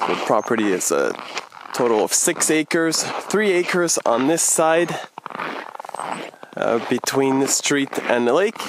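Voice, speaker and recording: A man with a Quebec French accent leads a property tour outdoors, walking through the snow as he speaks. His delivery is slow and deliberate, pitched in a middle register. A clear, steady background noise sits under the recording. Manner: slow, measured, walking while showing around. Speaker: real estate agent. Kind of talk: bilingual property video tour.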